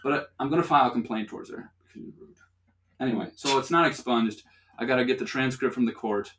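A young man in a relaxed podcast chat tells a long, swearing-filled story with lots of laughter. His voice sits at an ordinary middle pitch, loose and informal. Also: brisk, slight background noise. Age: young adult. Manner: profane, animated storyteller who laughs often. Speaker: podcast host.

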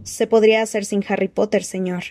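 Colagusano, a squeaky cowering servant, as a woman plays him. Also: little pitch movement, brisk, darkish tone, no room sound, close to an everyday voice. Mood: timid. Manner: squeaky, stammering, panicky. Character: cowering nervous male servant, fawning.

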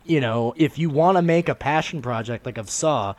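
A man hosting a podcast, talking casually about films in an animated, opinionated way with loose swearing. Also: medium pitch, normal speed. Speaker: podcast host. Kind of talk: casual film discussion.

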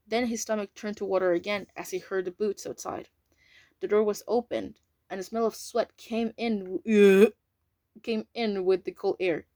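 A woman's voice: mid-range voice, steady tone, normal speed, a little mellow, no echo, studio quality. Woman reading an audiobook. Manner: casual reading with slips and asides. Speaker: audiobook reader. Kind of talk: audiobook narration.

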